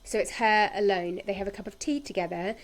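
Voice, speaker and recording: A woman hosting a podcast, retelling soap episodes in a casual, chatty way with animated storytelling. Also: medium pitch, brisk. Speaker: podcast host recapping a soap. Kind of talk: casual chat.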